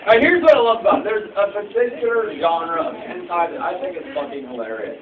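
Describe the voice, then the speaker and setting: A man's voice: high-pitched, fairly quick, roomy sound, slight background noise. A man telling crude, joking stories to a room full of people, swearing and laughing often. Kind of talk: crude comedic talk to a room. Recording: distant, tinny recording with loud crowd.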